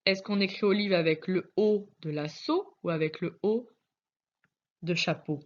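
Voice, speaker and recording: In a dull, lo-fi recording, a woman who teaches primary school gives young children a reading lesson. Her fairly low voice keeps a measured pace as she spells letters out one by one with care.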